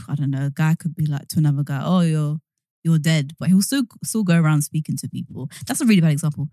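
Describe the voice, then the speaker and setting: A woman's voice: deep voice, animated, fast, mellow, dry recording, clean studio sound. A young British woman co-hosting a podcast, chatty and self-deprecating, with many fillers. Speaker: podcast co-host. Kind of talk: casual chat.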